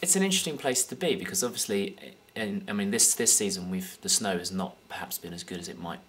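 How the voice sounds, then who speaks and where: A young man from the United Kingdom with an English accent answers interview questions as a guest. His voice sits low, expressive and a bit bright, and he talks fast yet hesitantly, with many fillers and restarts.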